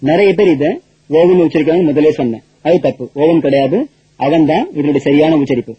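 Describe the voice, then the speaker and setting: A man's voice: a little high, fast talker, breathy edge, no room sound. A man teaching a spoken English lesson, drilling points with repeated questions and answers. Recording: dull lo-fi audio.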